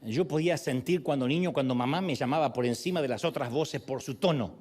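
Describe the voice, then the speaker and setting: Delivering his sermon at a fairly quick clip, a male pastor tells the story with humor, playful asides and acted quotes. His voice is mid-range and his manner animated.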